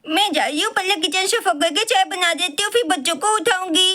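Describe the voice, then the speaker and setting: A busy young village wife, played by a woman, brisk and quick to scold. The voice is very high and sharp. She keeps bustling along in a homemade doll story.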